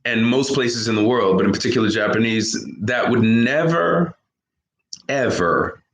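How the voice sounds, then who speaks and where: An American vlogger speaks straight to camera in an opinionated, emphatic monologue, repeating key phrases and listing words one at a time. His medium-pitched voice is animated, unhurried and a bit bright, and the room gives it a roomy echo.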